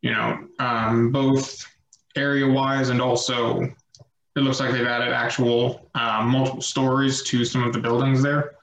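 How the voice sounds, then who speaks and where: A man narrating as game master of a tabletop game, slow and halting with many fillers. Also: medium pitch, level tone, a bit bright, reverberant, slight background noise, rough recording.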